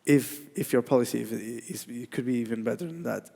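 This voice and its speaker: A conference speaker with a Portuguese accent delivers a technical talk in a large hall, his gravelly, mellow voice at an ordinary pitch. His delivery is halting, with many fillers as he frequently stops and restarts sentences. A long hall reverb rings through the sound.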